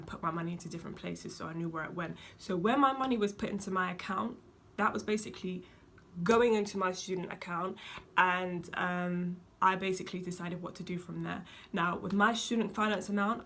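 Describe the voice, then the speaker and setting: A woman's voice: lowish voice, gravelly, a bit bright, a little hiss or hum. A young woman, giving chatty, emphatic money advice to her viewers with casual slang. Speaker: vlogger. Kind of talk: casual advice talk to camera.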